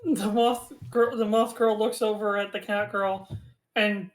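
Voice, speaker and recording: A woman runs a tabletop game, narrating scenes at a slow, unhurried pace. Her voice sits in a middle pitch and she pauses often with small fillers. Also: fairly even intonation, low-quality recording. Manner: measured, descriptive with fillers. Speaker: game master.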